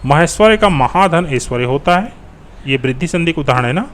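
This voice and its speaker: A man's voice: a little high, animated, brisk, a bit bright. A male teacher walking through exam answers in a conversational, think-aloud way.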